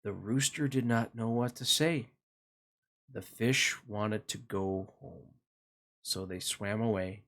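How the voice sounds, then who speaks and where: A man with a lowish, fairly bright voice narrates a picture book for a children's read-along. He reads expressively, leaning into a deliberate sing-song emphasis meant for young ears.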